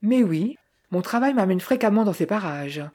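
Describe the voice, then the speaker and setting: A woman's voice: mid-range voice, animated, moderate pace, dark tone, lightly acted. A woman voicing a self-assured, amused young woman in an audiobook.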